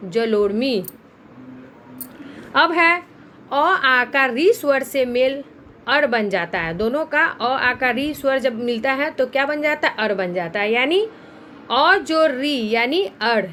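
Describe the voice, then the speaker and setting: High-pitched woman teacher, Bihari Hindi accent, patient step-by-step lesson delivery, faint background hiss. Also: a bit bright. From India. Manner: patient step-by-step explaining, asks and answers own questions. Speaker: school teacher. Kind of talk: recorded Hindi grammar lesson.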